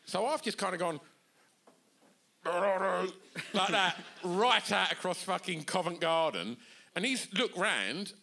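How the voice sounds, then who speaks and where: Animated high-voiced man, sweary. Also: normal speed, creaky, slightly rough. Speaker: podcast co-host. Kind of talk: live podcast storytelling. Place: bar venue with live audience.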